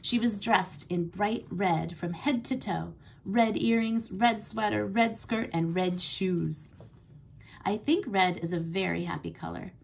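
A woman teacher reads a chapter book aloud with expressive storytelling. Her voice is husky and gravelly, at a middle pitch for a woman. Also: a little slow. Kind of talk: classroom read-aloud.

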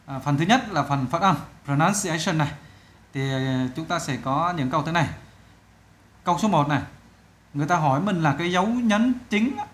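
A male teacher with a Vietnamese accent, walking through an English exam in a casual, chatty way, often stretching words slowly to show their stress. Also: on the high side, animated. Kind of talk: casual exam walkthrough lesson.

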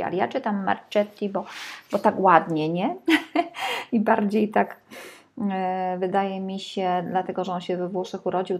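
A woman's voice: lowish voice, vocal fry, a little mellow, slightly rough. A woman reading tarot for her viewers in a chatty, casual way, sometimes dropping to a whisper while she lays out the cards. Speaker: tarot reader.

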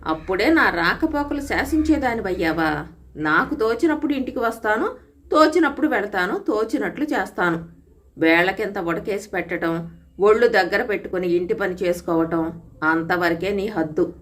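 Storybook figure: a harsh, loud young husband who scolds, voiced by a woman reader. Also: a little high, moderate pace, natural voice. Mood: harsh, angry. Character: gruff domineering young husband, a coconut trader.

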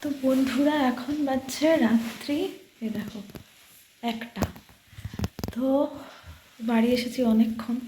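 A woman vlogger talking quietly and softly to her viewers from her bedroom at night, on a hand-held phone. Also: a little high, roomy sound, a little hiss or hum. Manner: speaking quietly and softly so as not to wake sleepers. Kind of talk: late-night vlog talk to viewers. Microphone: phone camera held by hand.

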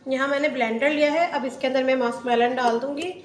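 A woman's voice: sits high, fairly even intonation, quick pace, roomy sound, a little hiss or hum. A woman hosting a cooking channel, chatting her way step by step through a home recipe. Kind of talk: casual recipe voice-over. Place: home kitchen.

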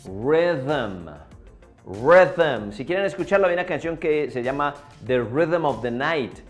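A man teaching English pronunciation, repeating each word slowly in drills. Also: fairly high pitch, animated, faint music behind. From Colombia. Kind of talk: pronunciation lesson.

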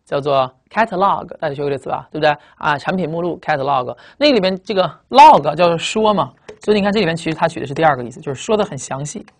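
A man teaching English vocabulary in a recorded lecture. He asks the class questions and answers them himself, and he reads the English words slowly and spells them out. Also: a little high, lively intonation. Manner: often ends phrases with a drawn-out "ah".

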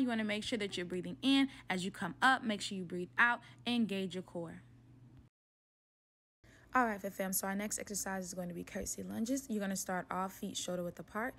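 A woman's voice: mid-range voice, a bit bright, slight background noise. A young adult woman coaching a workout as a fitness instructor, upbeat and encouraging, giving direct exercise cues.

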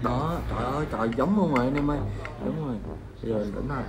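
Fast-talking chatty male vlogger. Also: medium pitch, background noise. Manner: chatty, addresses viewers directly. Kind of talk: casual prank vlog.

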